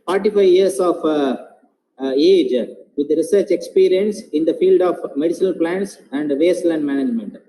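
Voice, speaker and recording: A man's voice: a little high, moderate pace, dark tone, roomy sound, low-quality recording. A man moderating a webinar, reading out audience questions politely and hesitantly with many fillers.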